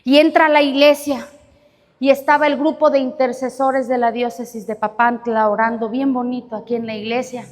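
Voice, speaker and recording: A woman's voice: on the high side, little pitch movement, normal speed, a little mellow. A woman preacher tells a story dramatically during a sermon at a retreat. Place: large hall at a retreat. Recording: reverberant hall.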